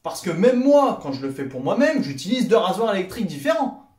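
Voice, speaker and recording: Young French male comic vlogger, wide-ranging high voice, sarcastic, reverberant room. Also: a little fast. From France. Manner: sarcastic, animated, acts out dialogue. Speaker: comedy vlogger. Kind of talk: comedic storytelling monologue.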